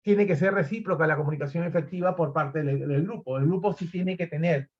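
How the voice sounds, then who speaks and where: A man's voice: fairly high pitch, brisk, highs cut off. A man giving a recorded leadership lecture, talking animatedly, acting out examples and often restarting his phrases. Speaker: leadership trainer.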